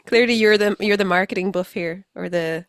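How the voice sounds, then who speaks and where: A woman's voice: medium pitch, dry recording, studio quality. A woman co-hosting a podcast in casual chat, congested from a flu and laughing often. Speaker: podcast co-host.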